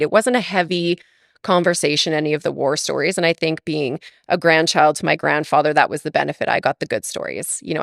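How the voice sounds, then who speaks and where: Deep-voiced with some vocal fry, this Albertan woman is a podcast guest in a relaxed interview, laughing frequently and filling her speech with fillers. The studio recording is clean and dry.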